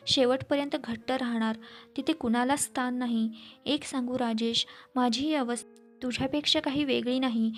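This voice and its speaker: Woman reading wistful married woman, confiding, intimate, storybook, higher voice. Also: lightly acted. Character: married woman recalling first love, wistful.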